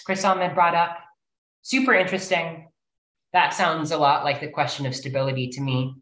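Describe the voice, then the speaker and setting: A woman's voice: extremely low pitch, a bit bright. A woman speaker answering audience questions in an academic talk, thinking aloud with many fillers and restarts, sounding winded. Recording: roomy echo.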